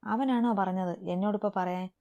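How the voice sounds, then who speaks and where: A woman's voice: medium pitch, fairly even intonation, brisk, darkish tone, natural voice. A woman voicing a stern, protective young man who is an older brother, in a dull lo-fi recording. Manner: stern, raises voice in anger.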